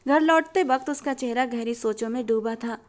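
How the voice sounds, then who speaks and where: Calm woman storyteller, fairly high voice. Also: normal speed. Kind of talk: scripted narration of a romance novel.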